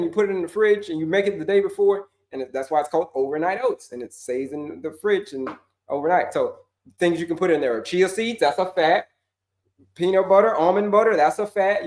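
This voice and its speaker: In a high-pitched, slightly mellow voice, a diabetes coach fields viewers' questions, addressing them as folks and hammering points home through repetition, emphasis and slang in a laid-back style.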